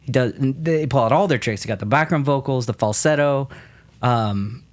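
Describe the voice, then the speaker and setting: A man's voice: mid-range voice, normal speed. A man co-hosting a podcast in a casual chat, starting his sentences hesitantly and laughing easily. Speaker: podcast co-host.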